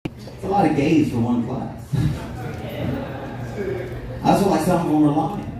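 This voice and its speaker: A man's voice: a little high, animated, takes it slowly. A man in his thirties doing a stand-up comedy set on a club stage, brash and profane, bantering with the audience. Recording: echoey club room, distant, crowd laughter.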